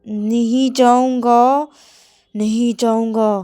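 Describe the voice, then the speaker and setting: A woman voicing a hot-tempered young man who angrily refuses and threatens, in a repetitive, shouting manner. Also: mid-range voice, fairly quick, no room sound, close to an everyday voice. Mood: angry refusal.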